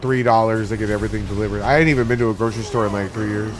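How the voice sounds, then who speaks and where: Speaking very fast in a fairly low voice, this Miami man streams a game live, chatting casually, cursing, and drifting between topics. Game music plays, with slight background noise.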